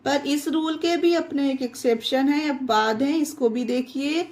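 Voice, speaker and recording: A woman's voice: high voice, unhurried, a little mellow. A woman teaching English pronunciation, spelling words letter by letter and repeating each one. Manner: addresses viewers as friends. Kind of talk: slow step-by-step lesson.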